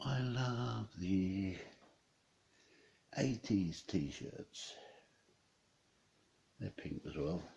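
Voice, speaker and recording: A man from Norfolk with a low-pitched voice and an East Anglian accent. He rambles casually as host of a small video channel, laid-back and full of everyday dialect grammar. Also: expressive, drawn-out words, vocal fry, pauses often, warm tone. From Norfolk, England. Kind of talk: casual rambling vlog chat and joke-telling.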